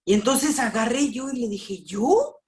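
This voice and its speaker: A middle-aged woman gives a personal testimony at a church family class, telling her story with lively expression and acting out what people said. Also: a little high, measured pace. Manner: animated storytelling, acts out dialogue. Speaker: speaker at a church family school.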